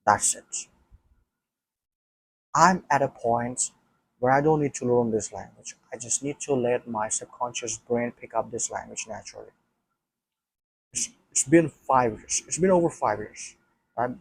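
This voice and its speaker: Recorded roughly, this man has a mid-range, husky voice with a darkish tone. A non-native English speaker, he chats casually and solo to the camera about learning the language, restarting often and repeating himself as he thinks aloud.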